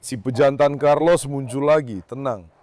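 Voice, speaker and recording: A man dubbing a farm owner's vlog commentary, excitable and often calling out to his animals and viewers. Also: medium pitch, moderate pace, noisy background. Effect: dubbed voice-over.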